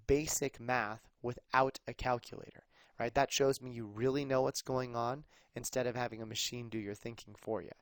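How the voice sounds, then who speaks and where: A man's voice: medium pitch, no echo. A man teaching a math lesson, explaining patiently in a conversational way with some fillers. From United States. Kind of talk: recorded classroom lesson.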